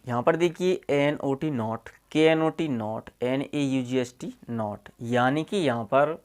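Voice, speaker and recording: An English teacher explains examples at an unhurried classroom pace in a casual, everyday manner, frequently checking in with "okay" and "see here." He spells words letter by letter and repeats each one so it sticks. His mid-range voice is clear and resonant.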